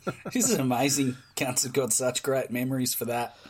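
A middle-aged man with a Western Sydney Australian accent and a husky voice, bantering casually as a podcast co-host with plenty of swearing. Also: medium pitch, steady tone, fairly quick, slight background noise.

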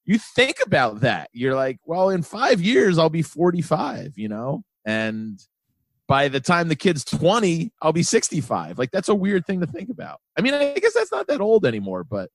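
Forty-year-old man, podcast guest, easygoing and joking, animated pitch, dry close-miked sound. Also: normal speed, no echo. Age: 40s. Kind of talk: casual chat.

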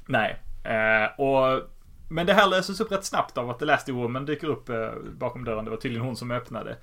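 A man in a casual podcast, animatedly walking through a comic book's plot with frequent laughs. His voice sits at a middling pitch, and his talk is loose and chatty, full of small restarts. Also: creaky. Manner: animated retelling, laughs often. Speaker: podcast host. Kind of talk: casual comic book recap.

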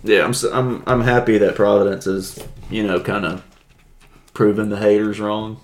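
A man's voice: fairly low pitch, moderate pace. A man, co-hosting a podcast in casual chat and leading the picks. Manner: relaxed, leads the bracket picks. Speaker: podcast co-host. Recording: echoey room.

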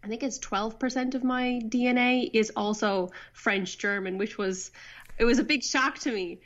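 A woman's voice: fairly high pitch, normal speed, fairly bright tone. A woman from Newfoundland with an Irish-tinged Newfoundland accent, chatting casually as an interview guest. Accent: Newfoundland with Irish colouring. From Newfoundland, Canada. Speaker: interview guest, online video creator. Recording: dull, lo-fi internet call.

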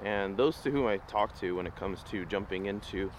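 On a noisy city street, the vlog host walks and talks to camera at a normal speed in a fairly low voice. His voice is fading, but his casual, rambling talk stays upbeat and motivational.

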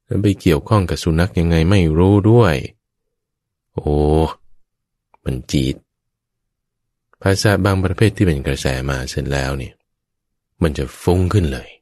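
A man with a very low, deep voice preaches a Buddhist sermon, speaking straight to his listeners again and again. He tells it with vivid sound words and playful asides. The sound is close and dry, with no room echo. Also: darkish tone. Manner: keeps addressing the listeners directly.

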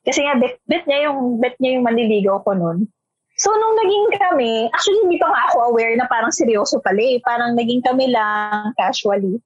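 A feisty, talkative woman in her twenties from Metro Manila, Philippines, tells stories in casual chat with a Filipino accent, switching between Tagalog and English and animatedly acting out the voices she quotes. Her voice is on the high side, fairly quick and slightly rough, in a dry, slightly muffled recording.

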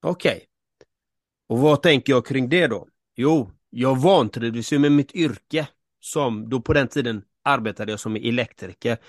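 A man's voice: mid-range voice, dry recording, studio quality. A man co-hosting a podcast, telling a personal story earnestly, with emphatic repeats and asides to the listener. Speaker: podcast co-host, coach. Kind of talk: casual podcast chat.

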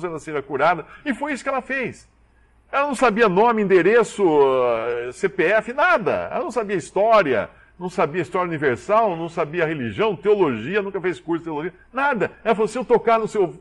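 A man's voice: sits high, brisk. A man preaching a sermon, acting out the dialogue he quotes. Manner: animated, acts out quoted dialogue.

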